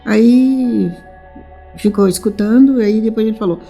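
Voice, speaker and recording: A woman tells her story in a mellow, warm voice. She rambles, restarts her sentences and acts out the old dialogue. Soft music plays faintly behind her. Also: fairly high pitch, a little slow. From São Paulo, Brazil. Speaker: mother of a missing teenager. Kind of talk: emotional personal testimony.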